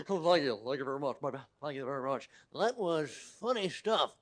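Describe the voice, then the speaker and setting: A woman's voice: sits low, lively intonation, brisk, slight background noise. A woman voicing a boastful, goofy male bandicoot hero who keeps whooping and wisecracking. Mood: hyped boastful.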